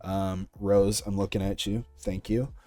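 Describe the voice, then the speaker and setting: Being interviewed about his project, a young man who created the series responds casually and chattily. His deep voice has a flat delivery, a slightly slow pace and a dark tone, with no echo.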